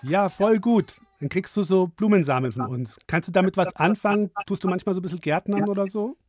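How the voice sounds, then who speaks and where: A woman's voice: mid-range voice, brisk, darkish tone, a faint crowd. A woman hosting a children's radio call-in show, chatting encouragingly with young callers.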